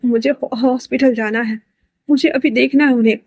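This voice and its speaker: A woman voicing a tearful young woman who pleads in halting, stammering bursts. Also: a little high, fairly even intonation, a little mellow, no room sound, highs cut off. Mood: frantic. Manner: halting, stammering sobbing pleas.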